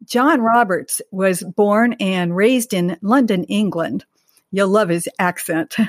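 A woman's voice: medium pitch, slow, no echo, studio quality. A woman co-hosting a podcast, giving a prepared guest introduction and leading an interview.

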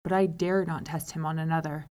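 A woman's voice: sits low, steady tone, a little fast, a little mellow, lightly acted. A woman voicing a timid, worried young man in a folk tale. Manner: worried, hesitant. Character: timid nervous young man, poor digger.

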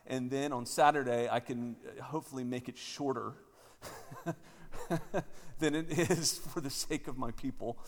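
Man, 30s, pastor, rough gravelly tone, hesitant talker, cathedral echo. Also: mid-range voice, steady tone. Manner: halting, with many fillers and restarts. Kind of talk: conference talk and prayer. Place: large parish church. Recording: cathedral echo, long church reverb.

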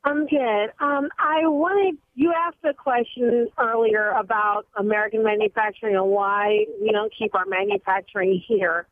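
A woman calling in to a radio show over a phone line, talking in a halting way and often restarting her phrases. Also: mid-range voice, steady tone, no echo. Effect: heard over a phone line. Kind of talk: call-in chat with a host.

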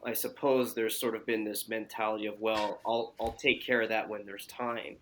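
A man with a fairly low voice speaks as a doctor being interviewed. He explains things in a measured way, often pausing on fillers. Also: flat delivery, slight background noise. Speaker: physician guest. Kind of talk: interview answers.

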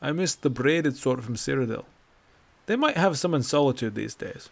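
A man's voice: mid-range voice, lively intonation, normal speed, gravelly. A man voicing a sardonic old male Nord traveler with a dry, lecturing manner, in a read-aloud fantasy story. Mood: wry. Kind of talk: audiobook character voice.

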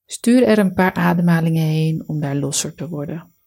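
Female meditation guide: lower register, noticeable vocal fry, calm and soothing, measured relaxation instruction.

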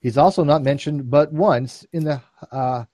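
A man co-hosting a casual livestream, reading out viewer donations in a teasing, halting way. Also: on the high side, dry recording. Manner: teasing, halting, jumps between loud and quiet. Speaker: co-host reading super chats.

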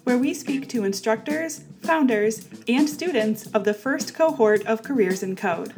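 A woman's voice: fairly high pitch, expressive, measured pace, a little mellow. A woman hosting a podcast, reading a scripted introduction. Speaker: podcast host. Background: music.

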